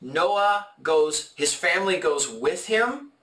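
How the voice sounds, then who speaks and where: Halting man teaching a Bible study. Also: on the high side, lively intonation, bright, forceful tone. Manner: halting and explanatory, many fillers and restarts. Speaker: podcast co-host leading a Bible study. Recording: echoey room, mic at a distance.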